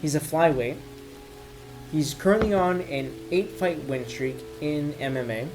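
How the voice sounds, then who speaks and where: A man with a slightly high voice delivers a loose, tipsy sports rant. He rambles haltingly and thinks out loud as he goes. Faint music and a rain-like sound sit behind him. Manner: drinking while ranting, tipsy rambling. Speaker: MMA commentator giving opinions. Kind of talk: casual off-the-cuff rant.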